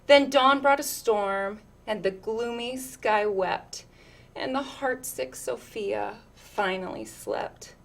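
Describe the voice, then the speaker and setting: Female storyteller for children's read-aloud, slightly high register, very slow delivery, expressive and conversational with the listener. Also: vocal fry. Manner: animated, engaging listeners with questions and asides. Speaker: storyteller reading a picture book to children.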